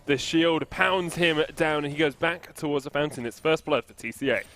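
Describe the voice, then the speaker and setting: A man's voice: fairly high pitch, normal speed, fairly bright tone. A man with a British accent calling esports action play-by-play, his delivery surging with the fights. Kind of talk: excited play-by-play commentary.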